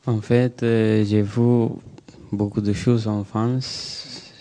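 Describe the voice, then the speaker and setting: A man from Bangladesh taking part in a group workshop. He speaks haltingly, searching for his words. His delivery is very slow, in a low, smooth voice. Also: level tone, warm tone. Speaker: workshop participant.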